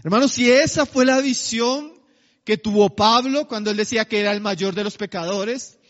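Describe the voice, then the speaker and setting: A man preaching a sermon, asking his congregation rhetorical questions and slowing down to stress key phrases. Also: high-pitched, a bit bright, in a large hall, dull audio. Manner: slows to a drawn-out, emphatic cadence on key phrases.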